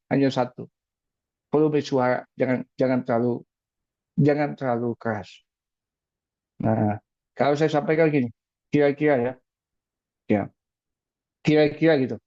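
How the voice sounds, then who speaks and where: A man preaching at an evening religious talk, lively, asking the audience questions and repeating his key phrases. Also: on the high side, no echo, muffled recording.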